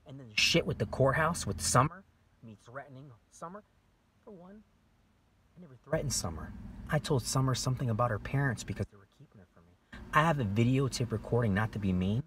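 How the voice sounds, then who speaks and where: A man in an angry monologue to camera, ranting and accusing, his voice swinging between shouting and low muttering, often swearing. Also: lively intonation, brisk. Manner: profane, accusatory.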